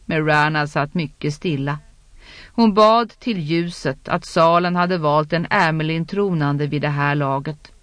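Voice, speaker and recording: Audiobook narrator, scripted narration, measured even reading, mid pitch, dry close recording. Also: clean tone, no echo.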